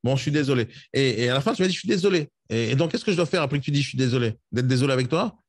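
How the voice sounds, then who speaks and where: A man's voice: mid-range voice, no echo, clean studio sound. A man coaching real estate agents in a live session, blunt and scolding, sometimes mocking. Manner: blunt, scolding, rapid-fire.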